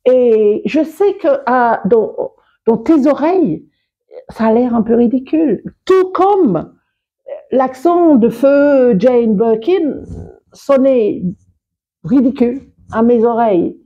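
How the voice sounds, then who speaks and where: A woman public speaker and coach talks in an interview with a slow, unhurried pace and a slightly high voice. Her tone is husky and mellow, and she keeps laughing and restarting her sentences. The recording sounds dull and lo-fi. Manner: expressive, quick to laugh, many restarts. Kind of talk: interview conversation.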